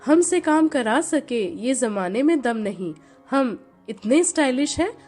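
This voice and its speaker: A woman's voice: high-pitched, expressive, a little slow, a little mellow, soft background music, pitched below the performer's own voice. A woman voicing a young, carefree bride who boasts about her style, in a storybook narration. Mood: breezy. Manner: boastful, breezy.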